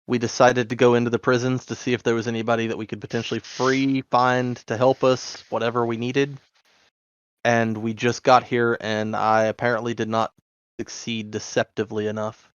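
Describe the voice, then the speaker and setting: A man at mid pitch, eagerly explaining game rules to the group. The sound is dry and close, and the microphone is dull and lo-fi. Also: little pitch movement, moderate pace, clear, resonant tone, no echo. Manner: eager, rule-explaining talk. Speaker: player. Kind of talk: tabletop game chat.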